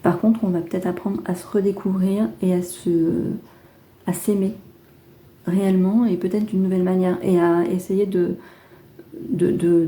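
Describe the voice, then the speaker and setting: A French woman giving a casual tarot reading, chatty and gentle, with many fillers and restarts. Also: fairly low pitch. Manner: gentle, reassuring advice. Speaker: tarot card reader.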